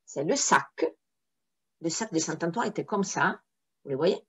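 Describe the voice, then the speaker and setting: A woman reading a fairy tale aloud for children, often pausing to explain words to her listeners. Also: on the low side, animated, slightly rough. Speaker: storyteller.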